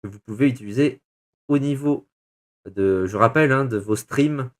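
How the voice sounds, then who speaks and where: A man's voice: medium pitch, moderate pace. A man demoing a voice changer on a live stream, playful and chatty, his voice run through one filter after another. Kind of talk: casual live-stream product demo. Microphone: computer microphone.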